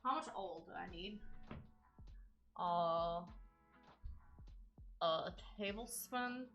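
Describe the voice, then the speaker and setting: A woman from North Carolina with a Southern accent she plays up, chatting casually on a live stream as she cooks in her kitchen, thinking out loud and answering viewers. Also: lowish voice, extremely slow, highs cut off, faint music behind. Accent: Southern US, exaggerated for a viewer redeem. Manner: chatty, answers chat and thanks followers, thinks aloud while working. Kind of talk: casual live-stream chat while cooking. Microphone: wearing headphones.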